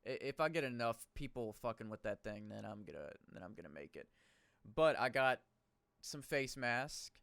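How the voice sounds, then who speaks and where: A man talking casually on his podcast, loose and profane, often trailing off mid-sentence. His voice is smooth and resonant at an ordinary pitch. The sound is dry and close to the mic. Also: animated, moderate pace, fairly bright tone, no echo. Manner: laid-back, swears a lot, trails off. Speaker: podcast host. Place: podcast studio.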